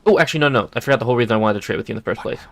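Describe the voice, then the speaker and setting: Gravelly man thinking aloud while gaming. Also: mid-range voice, rapid-fire, a bit bright, no room sound. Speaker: gameplay streamer. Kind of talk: casual gameplay commentary.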